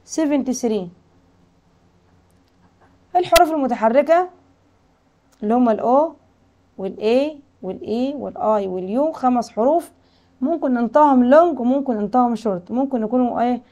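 High-voiced Egyptian woman, an English teacher explaining a lesson, reads slowly and quizzes her pupils. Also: animated, dark tone, highs cut off. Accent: Egyptian Arabic. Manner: reads English lines slowly, then translates with questions to pupils.

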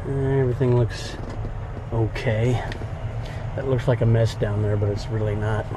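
Male truck driver, vlog voice-over, talks under his breath, mid pitch, steady engine and yard hum behind, phone mic. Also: measured pace. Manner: mutters quietly to himself while working. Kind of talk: casual vlog narration. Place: truck terminal lot at night, then inside a truck cab. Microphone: handheld phone camera.

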